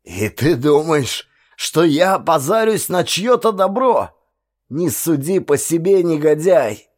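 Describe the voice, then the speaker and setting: A man voicing a stern, proud older male householder who talks in a gruff, scornful and commanding way in a storybook reading. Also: medium pitch, measured pace, close to an everyday voice. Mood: indignant.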